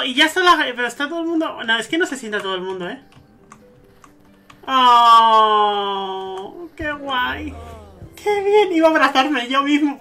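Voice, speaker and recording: A man with a Spain Spanish accent giving gushing, excitable let's-play commentary over a life-sim game. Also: very high-pitched. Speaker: gaming streamer.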